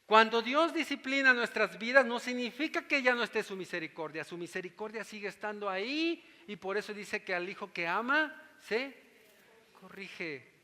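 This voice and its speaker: A man's voice: high voice, expressive, normal speed, sharp tone, in a large hall. A man with a Mexican Spanish accent preaching a sermon as pastor, teaching and often asking whether his listeners follow him.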